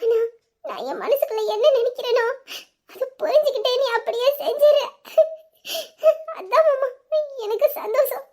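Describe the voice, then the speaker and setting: A woman plays a shy, loving young bride in a romantic audio drama, with a very high, girlish voice. She talks in a coy, teasing way that slips into tearful, gushing warmth. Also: normal speed. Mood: tearful joy.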